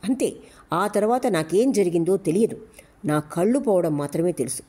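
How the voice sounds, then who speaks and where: A woman's voice: fairly low pitch, expressive, moderate pace, dark tone, slightly rough. A woman voicing a blinded male police officer who insists and pleads under threat. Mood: indignant.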